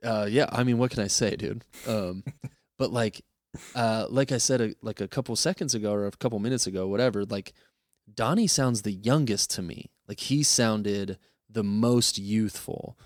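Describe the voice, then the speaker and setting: A man hosting a casual podcast chat, animated and quick to laugh. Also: fairly low pitch, no room sound, studio quality. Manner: animated, breaks into quick character impressions and laughs. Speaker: podcast host.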